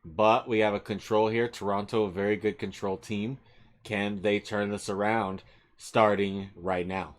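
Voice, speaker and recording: A man with a fairly low voice is commentating a live esports match. He speaks as a caster covering the action and the state of the series. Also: level tone, a little slow.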